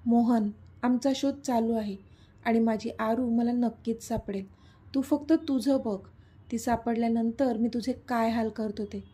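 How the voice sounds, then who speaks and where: Woman doing a desperate young man, angry edge, husky, fairly high. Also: fairly even intonation, measured pace. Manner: angry, forceful.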